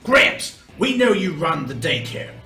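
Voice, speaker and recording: A brash villain henchman from a video game, voiced by a man, barking threats in a bossy, declamatory way. The voice is a little high, heard off the mic in a roomy space. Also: very animated, unhurried, gravelly, sharp tone, full character voice. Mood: menacing, bossy. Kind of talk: amateur voice-over of a video game. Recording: roomy, distant mic under game music.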